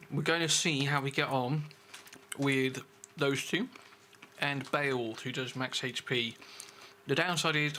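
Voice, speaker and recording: A man's voice: fairly high pitch, sharp tone, slight background noise. A man streaming a game, chatting casually with viewers and answering their questions as he plays. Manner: chatty, reads and answers chat while playing. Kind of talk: casual gaming livestream commentary.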